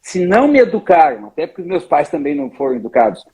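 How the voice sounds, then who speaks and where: A man's voice: a little high, very animated, fast talker, warm tone, husky. A man, explaining in an emphatic, storytelling way and often turning to his conversation partner. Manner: emphatic, tells stories, often addresses the other speaker by name. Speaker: interviewee speaking on emotions.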